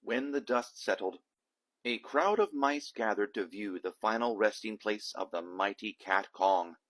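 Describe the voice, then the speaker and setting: A man reading a children's picture book aloud in an animated, theatrical way, with dramatic emphasis. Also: on the low side, a little slow. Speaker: storybook reader, a dad reading aloud.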